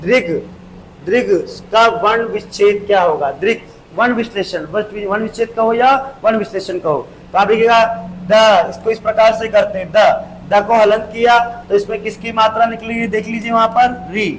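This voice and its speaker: A male teacher giving an exam-prep grammar lesson, explaining step by step, repeating key terms and drawing sounds out slowly. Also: sits high, steady tone, slight background noise, rough recording.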